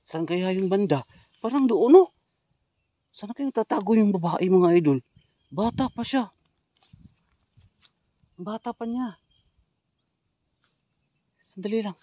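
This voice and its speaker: A man's voice: high voice, lively intonation, slow, pauses often, mellow, no room sound. A man filming a ghost-hunting vlog in a forest outdoors, speaking straight to his viewers in a suspenseful, wary way. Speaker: ghost hunter vlogger.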